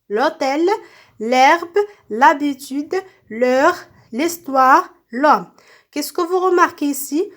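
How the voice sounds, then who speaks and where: Slow high-voiced woman teaching French. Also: a bit bright. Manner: slow, repeats words and checks with "d'accord?". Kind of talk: recorded grammar lesson. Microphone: phone.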